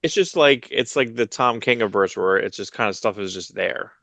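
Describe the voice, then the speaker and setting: A man in his thirties co-hosts a comics podcast from a room at home, talking over a headset on a video call. His voice is creaky and fairly bright at a moderate pace, recorded dry with the highs cut off. He chats casually about comics news in a low-key, rambling way, restarting often.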